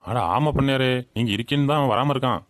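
A man's voice: medium pitch, no room sound, studio quality, close to an everyday voice. A man playing a crafty, cheeky village farmhand, arguing and scheming. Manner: rapid, cheeky, argumentative. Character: crafty male village farmhand, feigns anger. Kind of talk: village comedy skit.

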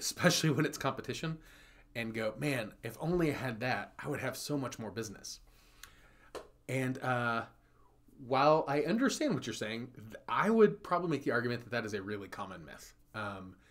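A man in his thirties talks straight to his desk webcam from a small office, handing out marketing advice. His voice sits at a middling pitch, and he keeps it conversational while hammering key points by repeating them. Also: a bit bright. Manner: conversational, emphatic, repeats for effect. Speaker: marketing agency host. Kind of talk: direct-to-camera business advice.

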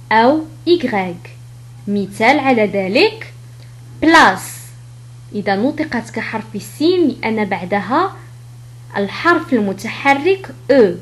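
A woman teaching French pronunciation in a lesson, explaining letter rules and repeating each example word slowly. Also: fairly high pitch.

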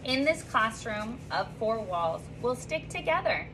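For her class, a thirties-aged third grade teacher records an upbeat sing-song greeting and reads a picture book aloud from the reading corner, with lively rises and slips in her reading. She has a fairly high pitch and a measured pace. A phone or camera on a stand a few feet away captures her amid background noise.

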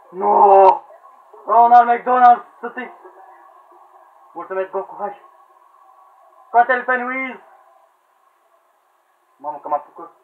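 A man commentates his own game in a high, jumpy voice that leaps all over the place as he shouts, begs and yells at the fighters. The recording is thin and phone-like, with a faint hiss behind him. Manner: frantic, yelling at characters, pleading and laughing. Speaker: gamer commentating own play. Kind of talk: excited gameplay commentary. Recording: tinny lo-fi sound with faint hiss.

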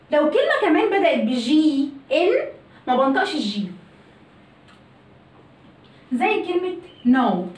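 A woman with an Egyptian Arabic accent teaching English pronunciation in a video lesson, asking and answering her own questions. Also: high voice. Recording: echoey room, mic at a distance.

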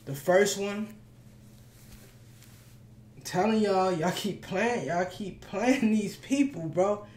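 A man's voice: sits high, slow pace. Hyped man reacting in an echoey room. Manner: hyped, full of shout-outs; talks standing up. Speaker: reaction video host. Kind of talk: casual reaction commentary. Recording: echoey room with music playing.

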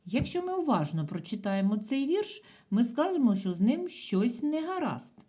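A woman teaching a primary school lesson by video, patient and clear in a sing-song teacher's way. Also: fairly high pitch, very animated, moderate pace, dark tone. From Ukraine. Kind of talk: video lesson for young pupils.

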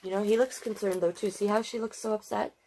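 A storytime host reading picture books, this woman reads a children's story aloud quickly in a mid-range voice. She's expressive, slipping into affectionate, chatty asides and often repeating a phrase. The recording is rough, with slight background noise.

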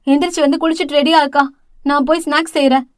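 Woman reader as an anxious younger sister, pleading and soothing, high voice, dry close recording. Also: fairly even intonation, very fast, no room sound, lightly acted. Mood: worried. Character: frightened young woman, caring younger sister, college student.

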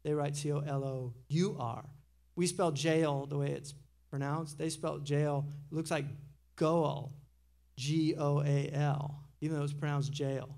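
Male lecturer, gravelly and a bit high, chatty and digressive with an audience. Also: dark tone. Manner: conversational, digressive, chuckles as he talks. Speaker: speaker giving a public lecture. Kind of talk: casual lecture. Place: lecture hall.

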